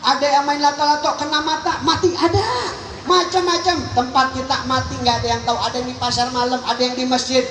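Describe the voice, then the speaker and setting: High-voiced, joking man preaching. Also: quick pace. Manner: animated, joking, soaring to high emphatic cries. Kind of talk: comic sermon. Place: outdoor religious gathering. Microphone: phone recording from the crowd. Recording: echoey, distant phone recording, noisy.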